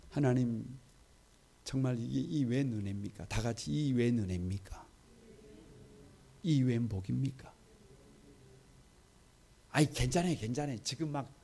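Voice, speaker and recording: Male pastor, middle-aged, warm low-toned voice, call-and-response sermon delivery. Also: slightly rough. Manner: call-and-response preaching, asks the congregation to repeat; conversational and emphatic, often rhetorical questions.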